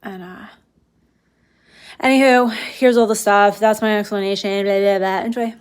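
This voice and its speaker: A woman's voice: mid-range voice, fairly even intonation, moderate pace, smooth. A woman vlogger explaining things in casual chat, rambling and interrupting herself. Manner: rambling, informal, self-interrupting.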